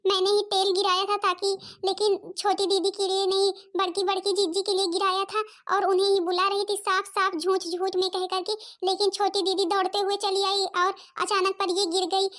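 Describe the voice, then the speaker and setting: A woman voicing a scheming young daughter-in-law in a cartoon, sly and excitable. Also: very high-pitched. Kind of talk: cartoon voice acting.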